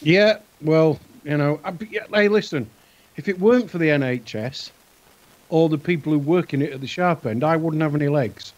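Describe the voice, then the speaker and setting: Over a muffled, lo-fi internet call, a British man chats as a co-host. His voice sits somewhat high for a man, and his delivery is casual and conversational. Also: normal speed. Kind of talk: casual chat.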